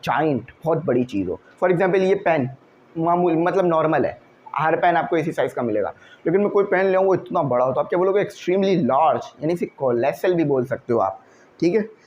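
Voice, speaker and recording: A man teaching an English vocabulary lesson, who explains each word slowly, checks in with "okay" and puts questions to the class. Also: a little high, expressive, darkish tone, muffled recording, slight background noise.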